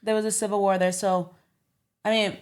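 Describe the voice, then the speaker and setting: A woman's voice: mid-range voice, little pitch movement, a little fast, a little mellow. A young woman from Liberia, a podcast guest, telling her childhood story in a casual interview with many fillers.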